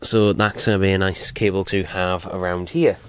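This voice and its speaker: A man's voice: deep voice, fairly even intonation, moderate pace, slight background noise. A man casually unboxing items at home, rambling with many fillers and casual swearing, sore after a fall. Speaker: unboxing vlogger. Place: small room at home. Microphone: close desk microphone.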